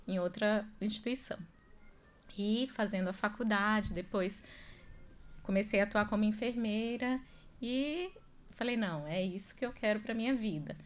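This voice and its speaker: Earnest woman nurse on radio. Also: medium pitch. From Brazil. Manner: earnest, measured storytelling. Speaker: nurse, guest expert. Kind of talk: radio interview. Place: radio studio. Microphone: studio microphone.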